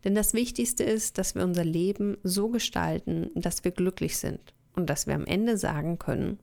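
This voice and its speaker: Woman podcast host, slightly gravelly voice, casual explainer into a studio mic. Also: lowish voice, normal speed, warm tone. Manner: casual explanatory, conversational, with fillers. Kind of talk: solo podcast monologue. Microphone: studio microphone with headphones.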